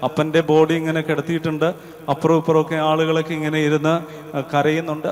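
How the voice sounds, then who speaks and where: Malayali priest telling a sermon story. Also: male voice, fairly high pitch. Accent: Kerala Malayalam. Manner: conversational, acts out quoted voices, shifts between loud and hushed. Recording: long hall reverb.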